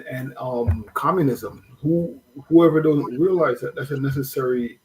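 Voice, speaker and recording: A man's voice: mid-range voice, a little mellow, a little hiss or hum, low-quality recording. Earnest rambling American man. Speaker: guest. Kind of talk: casual discussion.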